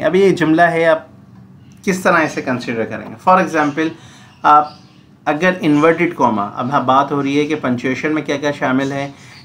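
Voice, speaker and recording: Man, grammar lesson, mid-pitched voice, slight background hiss. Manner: explains in Urdu mixed with English. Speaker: teacher.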